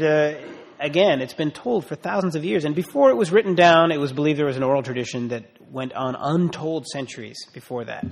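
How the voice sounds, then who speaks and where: A man's voice: on the high side, creaky. A middle-aged man giving an informal talk, explaining an old story with many fillers and restarts. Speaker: guest speaker explaining a festival.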